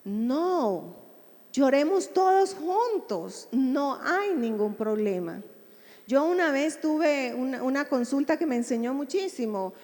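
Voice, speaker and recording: Expressive woman lecturing in a reverberant hall. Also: sits high, measured pace. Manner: expressive, checks in with the audience through rhetorical questions. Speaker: psychologist giving a talk. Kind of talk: public lecture on grief.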